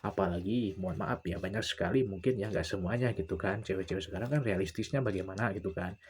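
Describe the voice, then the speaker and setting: A young male vlogger casually tells stories to the camera, recounting his conversations and often acting out the other people's lines. His voice is low, husky and fast.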